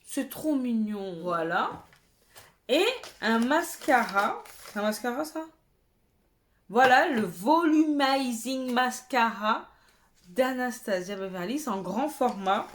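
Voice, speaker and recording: A woman beauty vlogger in casual haul chat, chatty and expressive, with exclamatory asides as she shows her purchases. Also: fairly high pitch, slow, long pauses.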